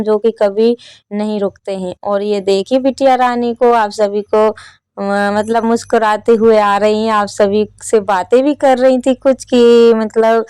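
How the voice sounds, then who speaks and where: Young village vlogger lady chatting away about chores, smooth clear voice, dry sound. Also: a little high, darkish tone, no room sound. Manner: chatty, addresses viewers as friends. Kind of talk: casual vlog narration. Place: rural home with farmyard.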